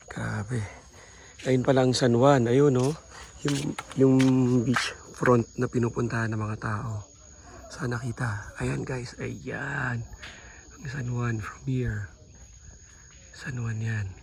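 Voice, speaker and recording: A man's voice: mid-range voice, gravelly, a little mellow. A man narrating a casual travel vlog outdoors on a rural island, talking straight to his viewers and pointing things out as he goes. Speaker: travel vlogger. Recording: outdoor noise with crickets and passing vehicles.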